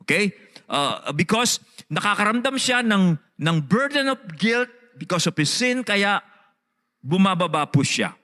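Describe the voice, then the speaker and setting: A man's voice: high-pitched, big pitch swings, measured pace, bright, forceful tone, in a large hall. A man with a Filipino accent, a pastor preaching a sermon, switching between Tagalog and English and often asking the congregation "Okay?". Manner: mixes Tagalog and English, frequent "Okay?" check-ins, repeats words.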